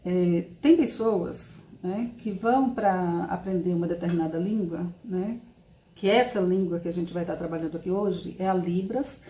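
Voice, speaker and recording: A woman's voice: fairly low pitch, dark tone, echoey room. A woman from Brazil teaching a live-streamed language class, explaining patiently and checking in with tag questions.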